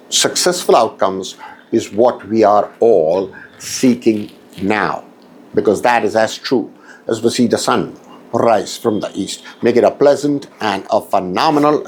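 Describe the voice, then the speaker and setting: A man coaching clients in a recorded voice message, talking emphatically with frequent pauses and repetition. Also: lowish voice, darkish tone, slightly rough. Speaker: business coach.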